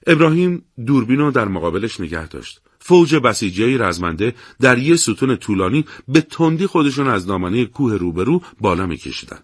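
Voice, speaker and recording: A man narrating an audiobook war story with expressive storytelling. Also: medium pitch, few pauses, breathy edge, no echo, studio quality.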